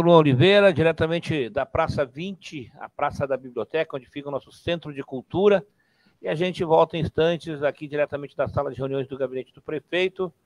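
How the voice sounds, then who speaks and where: A man's voice: on the high side, darkish tone, no echo. A man in his fifties presenting live radio from a small studio, upbeat and repeating phrases as he hands over to reporters. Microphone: studio mic with headphones.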